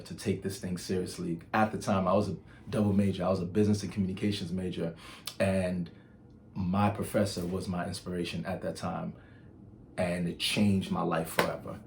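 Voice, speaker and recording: Low-pitched and level, with vocal fry and a moderate pace, this man's voice comes through with a little hiss or hum. He's a Nigerian vlogger hosting his own channel, telling stories casually with plenty of ums and restarts.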